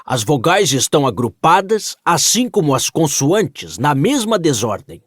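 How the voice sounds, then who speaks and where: An excitable, absent-minded older professor voiced by a man for an audiobook, speaking in emphatic, animated bursts. The sound is dry and close. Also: on the high side, unhurried, husky, no echo, pitched above the performer's own voice, heavily acted. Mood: eager. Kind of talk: audiobook character voice.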